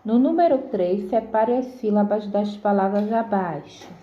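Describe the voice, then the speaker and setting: A woman's voice: mid-range voice, echoey room, highs cut off. A woman teaching a grammar lesson to pupils, sounding out words syllable by syllable and checking in often. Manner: slow, careful syllable-by-syllable explanations with frequent "certo?".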